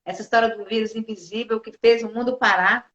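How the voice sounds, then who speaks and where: A woman's voice: a little high, fairly even intonation, brisk, fairly bright tone. A woman hosting a live interview, chatty, greeting viewers by name and asking long questions. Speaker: host, state deputy. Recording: echoey, dull live-stream audio.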